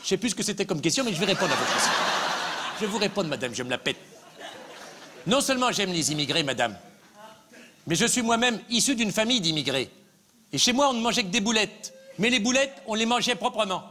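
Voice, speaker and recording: A man's voice: high voice, big pitch swings, brisk, long pauses, pushed and bright, a little hiss or hum. A male comedian in a live stage sketch, playing a smug, patronizing politician who repeats himself. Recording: live theatre with audience laughter.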